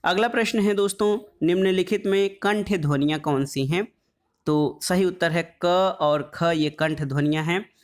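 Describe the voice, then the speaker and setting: Higher-voiced man tutoring Hindi exam prep. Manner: reads quiz questions, then explains answers; draws out sounds slowly when listing letters.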